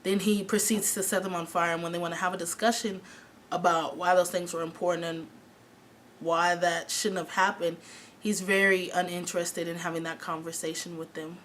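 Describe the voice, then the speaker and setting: A woman's voice: on the low side, level tone, moderate pace, fairly bright tone. A woman giving an explanatory presentation, as a student presenter would. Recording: faint background noise.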